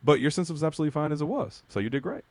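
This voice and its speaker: A man's voice: on the high side, expressive, rapid-fire, a little mellow, dry recording. A man tutoring Japanese, asking practice questions and explaining with encouraging feedback.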